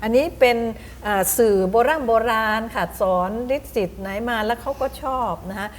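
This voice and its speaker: A middle-aged woman teacher giving a lecture to other teachers. She explains reading methods, spells words out slowly with demonstrations and often puts questions to her audience. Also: a little high, slight background noise.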